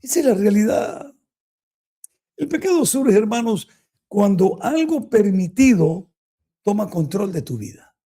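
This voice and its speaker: A man's voice: sits high, very animated, unhurried, long pauses, warm tone. A man preaching a Bible teaching, emphatic and full of rhetorical questions to his listeners. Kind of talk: sermon-style Bible teaching.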